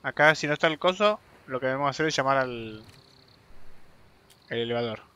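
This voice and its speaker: A young Argentine man streams a game with a medium-pitched voice that is a little fast, lively in intonation, bright, forceful, clear and resonant. He speaks directly to his viewers in chatty live commentary, swearing and yelping when fights go badly.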